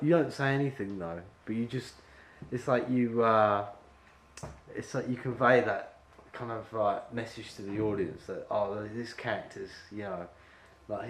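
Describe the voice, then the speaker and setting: A man directing an actor at an audition, rambling and full of fillers as he explains the scene. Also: fairly low pitch. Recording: echoey room with faint ambience.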